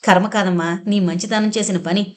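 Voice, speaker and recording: A fiery young woman snaps and scolds with biting sarcasm, as a woman reads her in an audio novel. Her lines come quick and cutting, full of contempt for the people she faces. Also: medium pitch, fairly even intonation, lightly acted. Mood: angry. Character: fiery young woman Vijaya, quick-tempered elder sister.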